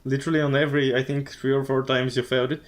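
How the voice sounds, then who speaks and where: A man running a tabletop game, talking haltingly with many restarts and frequent laughs. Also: medium pitch, little pitch movement. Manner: halting, full of fillers and restarts, laughs often. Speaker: game master.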